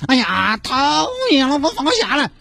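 A man voicing a whiny, demanding young girlfriend in a shrill falsetto with a Sichuanese accent. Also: big pitch swings, normal speed, vocal fry, pushed and bright, no echo, soft background music, heavily acted. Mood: coy. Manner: shrill falsetto, nagging and sulky.

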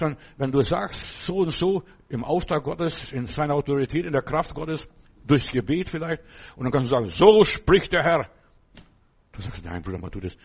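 A male pastor preaching a sermon, animated, swinging between loud bursts and low asides. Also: husky.

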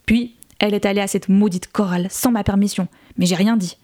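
A woman's voice: mid-range voice, steady tone, a little fast, warm tone, natural voice. Woman reading as a scornful, menacing father. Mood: bitter. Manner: blunt, contemptuous, falsely friendly. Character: coarse, menacing middle-aged father, scornful.

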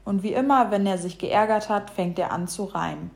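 A woman narrating a children's storybook in a lively, expressive way. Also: mid-range voice, normal speed, creaky.

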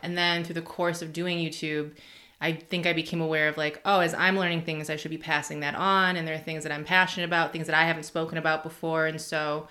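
A woman's voice: sits low, flat delivery, fast talker, bright, forceful tone. A young woman guest on a podcast, chatting in a playful, easygoing way. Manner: playful, laughing easily. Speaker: podcast guest, content creator. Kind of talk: casual podcast conversation.

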